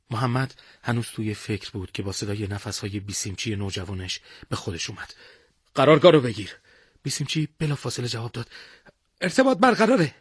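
Male narrator, husky breathy voice, measured dramatic storytelling, dry close recording. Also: fairly low pitch, no room sound.

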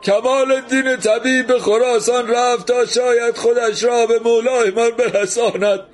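A solemn old man from a storybook declaims to a gathered crowd. A man acts him out. His voice sits very high, lifted far above the narrator's own. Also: fairly even intonation.

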